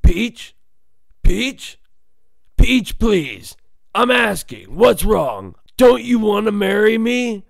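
King Bowser, gravelly monster king played by an actor. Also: medium pitch, very animated, extremely slow, no room sound, full character voice. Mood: pleading. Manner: theatrical, blustering. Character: huge lovesick, bossy male turtle-monster king. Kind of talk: animated fan dub acting.

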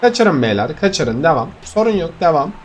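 A man's voice: fairly high pitch, big pitch swings, moderate pace, slight background noise. A young man giving casual commentary on his own match, talking to viewers and swinging from frustrated mutters to outbursts. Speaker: gaming YouTuber. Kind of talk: casual live game commentary.

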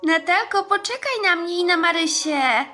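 A woman voicing a caring, cheerful older girl in a children's doll story, speaking gently and clearly. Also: extremely high pitch, normal speed. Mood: friendly. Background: background music.

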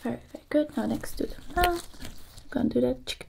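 A young woman in a whispered role-play, playing a brisk, reassuring medic with soft, breathy, repetitive murmured patter. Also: sits high. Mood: soothing, businesslike. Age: young adult. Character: brisk, reassuring female medic doing procedures on a patient. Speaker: ASMR performer. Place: small indoor room. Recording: noisy close recording with clicking.

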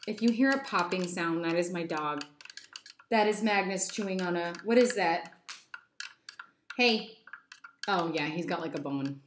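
A woman's voice: lowish voice, unhurried, long pauses, a little hiss or hum. Giddy chatty woman in an echoey room. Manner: chatty and giddy, lots of "like" and little gasps. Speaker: toy unboxing vlogger. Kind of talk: casual unboxing chat.

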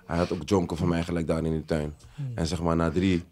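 A man hosting a podcast, telling stories in a casual, animated way full of street slang. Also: low-pitched, a little fast, heavy background noise. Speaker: podcast host. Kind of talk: casual chat.

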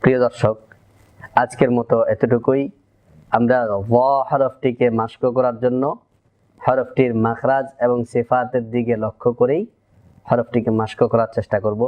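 A man's voice: mid-range voice, level tone. Man teaching Quran pronunciation, lo-fi sound. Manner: explains step by step, drills letter sounds slowly.

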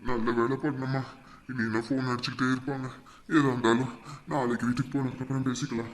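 A man playing a gentle father who soothes and reassures his daughter in an easy, joking way. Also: mid-range voice, flat delivery, fast talker, lightly acted. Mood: reassuring. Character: gentle comforting father, easygoing older man.

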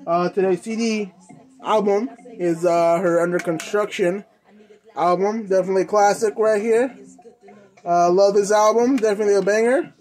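A young man with an American accent talks to the camera in a casual unboxing style. His delivery is informal and slangy, moving along in halting phrases. He sounds like he is indoors, a short distance from the camera. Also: sits high, fairly even intonation, darkish tone. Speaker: host of a clothing collecting channel. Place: indoors in a room at home.

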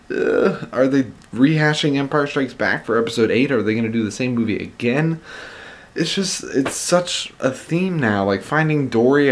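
A young man vlogs in a medium-pitched voice. He talks casually and conversationally into a camera held at arm's length in a room at home, stressing points by repeating words. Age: young adult. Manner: conversational, emphatic repetition for stress. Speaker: vlogger. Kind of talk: casual vlog chat.

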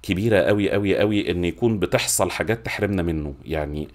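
A YouTube film and series reviewer in his forties with an Egyptian accent talks fast in a low, darkish voice. His review is natural and unscripted, informal and emphatic, repeating words for stress. He records at a desk microphone with a pop filter in a small home studio room.

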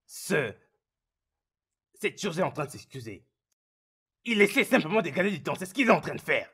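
A raging, betrayed husband in a dubbed film drama. His high voice is bright and gravelly and leaps around as he hurls accusations. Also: sing-song, normal speed, heavily acted. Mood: bitter. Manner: accusing, shouting. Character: furious betrayed husband confronting his rival. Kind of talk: French film dub.

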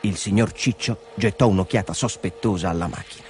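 A man narrating a children's story in a lively, expressive reading. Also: on the low side, fairly quick.

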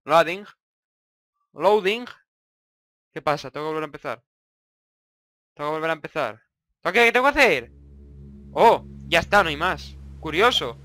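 A man's voice: on the high side, expressive, normal speed, long pauses, sharp tone, no echo. A young man from Spain with a Spanish accent, commentating a horror game he plays, swearing a lot and jumping between jokes and startled outbursts. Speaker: gaming YouTuber.

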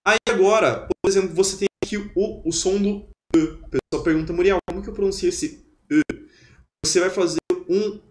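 A man leads a webinar lesson in a lively, chatty way, repeating words to drill them. His voice sits a touch high. The sound is roomy and echoey. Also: a little fast. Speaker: German teacher. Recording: roomy echo.

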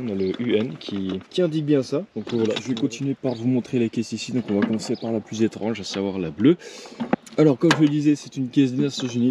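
Male collector, relaxed vlog delivery, stop-start phrasing, noisy take with clicks. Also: medium pitch. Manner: hesitant, many fillers and restarts. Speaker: militaria collector. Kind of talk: casual show-and-tell vlog. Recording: clear background noise with clicks.

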